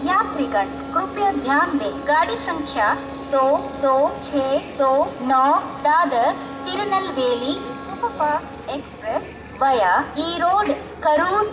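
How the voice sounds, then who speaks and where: A woman giving a recorded train station announcement in a slow, formal way, reading the train number one digit at a time. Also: high voice, animated, low-quality recording.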